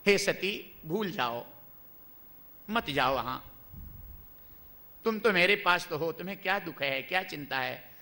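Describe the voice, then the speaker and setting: A man voicing a calm, patient male god who reasons gently with his wife. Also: on the high side, measured pace, long pauses, heavily acted.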